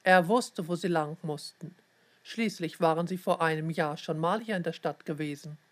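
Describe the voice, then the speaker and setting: A woman narrating a children's story in a clear, even storytelling manner. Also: low voice, moderate pace.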